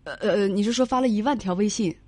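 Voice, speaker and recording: A woman's voice: medium pitch, fast talker, warm tone, dry recording. A woman hosting a call-in advice show, asking the caller direct, probing questions. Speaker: radio advice host.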